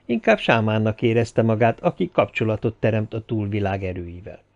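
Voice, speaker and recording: Egy férfi, aki kifejezően, szövegből olvasva egy történetet mesél el felolvasóként. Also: male voice, on the low side, creaky, highs cut off. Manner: expressive storytelling. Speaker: audiobook narrator. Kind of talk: scripted narration.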